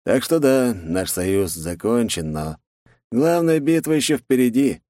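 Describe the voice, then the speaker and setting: Male reader as a cold, mocking rival brother, measured, lively swings in pitch, dry audiobook sound. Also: no echo.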